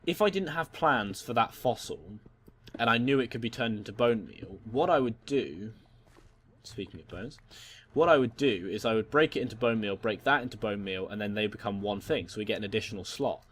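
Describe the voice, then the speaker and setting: A man's voice: expressive, brisk, breathy edge. A young man rambling casually as he plays and comments on a game. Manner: rambling storyteller, voices quotes high and loud. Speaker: gaming channel host.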